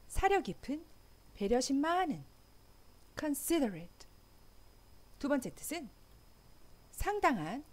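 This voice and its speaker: A woman teaching English vocabulary, reading example sentences slowly and clearly. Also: high-pitched, darkish tone. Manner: slow, carefully enunciated example sentences. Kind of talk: language lesson. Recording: faint background music.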